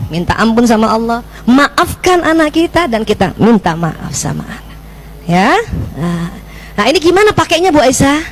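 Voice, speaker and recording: A middle-aged woman from Indonesia giving a lively parenting talk to mothers, often asking the audience questions and acting out how she scolds a child. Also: fairly high pitch, slight background noise, low-quality recording.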